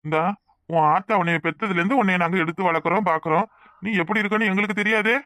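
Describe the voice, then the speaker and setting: A sanctimonious old village uncle, voiced by a man for a cartoon, gossiping and mocking in Kanyakumari Tamil. His voice is fairly high. The recording is close and dry. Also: fast, sharp tone, no echo. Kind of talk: cartoon voice acting.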